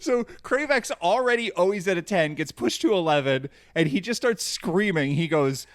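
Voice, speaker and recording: A man's voice: sits high, animated, moderate pace, no room sound, clean studio sound. A man co-hosting a podcast, casually recapping a cartoon, amused, laughing often and swearing. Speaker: podcast co-host.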